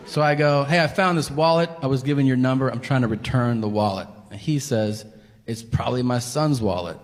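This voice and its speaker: A man performing a stand-up routine, telling a story with exasperation and acting out flat, deadpan characters. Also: medium pitch, brisk. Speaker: stand-up comedian. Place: comedy stage before a live audience. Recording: long hall reverb, faint ambient noise.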